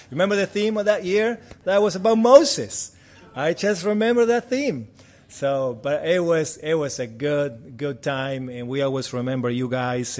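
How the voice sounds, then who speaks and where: An Argentine man in his forties, a native Spanish speaker with an Argentine Spanish accent, gives a church a friendly, chatty missions report sprinkled with light self-deprecating humor. His voice is medium in pitch and a little mellow.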